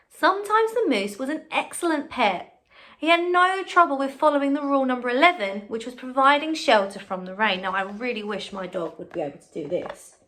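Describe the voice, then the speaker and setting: A primary school teacher reads a picture book aloud to her pupils in a slightly high voice, full of expression and encouragement. She breaks off for chatty asides and puts questions to the children. A faint hiss or hum sits in the recording.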